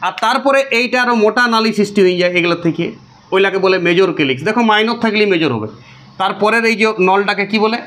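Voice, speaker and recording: A man teaching biology to a class, drilling his students with repeated questions and answers in an insistent way. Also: a bit bright. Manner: quick, high-pitched and insistent.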